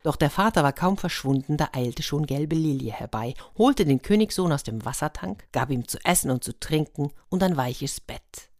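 A woman reads a fairy tale with a lively, expressive delivery. Her voice is low for a woman and deep in tone. The recording is close and dry. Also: normal speed, few pauses, dry recording. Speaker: storyteller.

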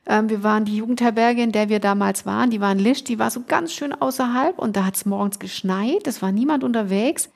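A woman's voice: fairly high pitch, a little fast, vocal fry, hardly any pauses. A middle-aged woman, a podcast guest, earnestly telling a personal story in casual conversation, emotional and full of restarts.

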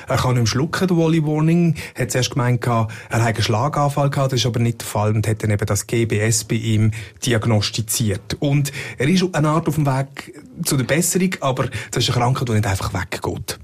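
Husky Swiss German man hosting a podcast. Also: medium pitch, moderate pace. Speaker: radio music chief and podcast co-host. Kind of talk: casual music podcast talk.

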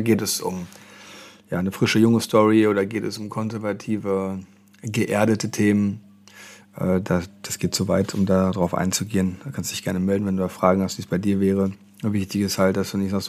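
A man's voice: lowish voice, darkish tone. A man hosting a solo marketing podcast, talking conversationally and addressing the listener directly with tag questions. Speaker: podcast host, marketing consultant.

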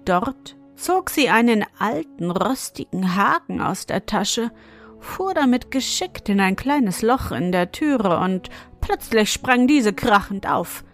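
Woman, storyteller, fairy-tale audiobook, measured, expressive, slow, faint background music. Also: medium pitch. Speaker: narrator.

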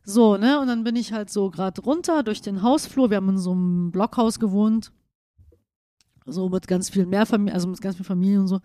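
A woman's voice: mid-range voice, a little fast, warm tone, dry recording, clean studio sound. A young woman co-hosting a podcast, telling stories in casual chat with lots of fillers and acted-out quotes. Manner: chatty storyteller, acts out quotes with many fillers. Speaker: podcast co-host.

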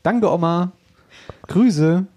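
A man hosting a podcast, joking in quick banter and often restarting his sentences. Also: high voice, dark tone. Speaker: podcast host. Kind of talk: casual chat.

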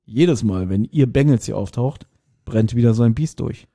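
A man voicing a gruff, sour middle-aged doctor while reading a book passage aloud. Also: medium pitch, normal speed, dark tone, no echo, studio quality, voice pushed down, close to an everyday voice.

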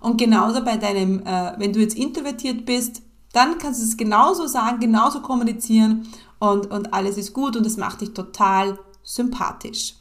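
A woman's voice: a little high, moderate pace. A middle-aged woman hosting her podcast alone at a home mic, talking casually with lots of fillers and "ja" tags. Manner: chatty, many fillers and "ja" tags. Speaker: podcast host and business coach. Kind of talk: casual solo podcast talk.

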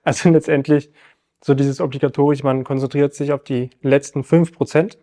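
Man hosting a coaching podcast, warm-toned. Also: mid-range voice, steady tone, normal speed. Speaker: podcast host and nutrition coach.

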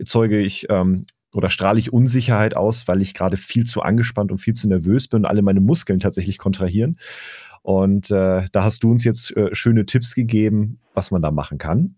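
A man's voice: lowish voice, a little mellow, no room sound, studio quality. A man hosting a podcast in German, speaking in a conversational interview style with reflective summaries. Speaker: podcast host.

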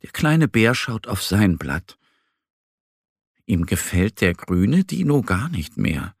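A man gently and expressively reading a children's story aloud. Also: lowish voice, big pitch swings, takes it slowly, vocal fry, slightly rough, dry recording, clean studio sound. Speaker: narrator.

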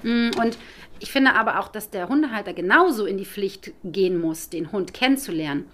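A woman's voice: mid-range voice, lively intonation, brisk, a bit bright. A woman, a dog trainer from northern Germany, co-hosting a podcast and talking emphatically, often tagging her points with "ne?". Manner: emphatic, opinionated, tags lines with "ne?". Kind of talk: casual podcast chat.

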